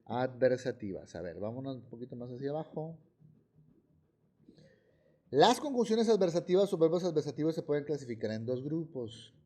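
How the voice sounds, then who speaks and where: A man teaching a high school grammar class in Mexican Spanish, explaining with examples and often checking in with "¿sí?". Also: sing-song, moderate pace, mellow.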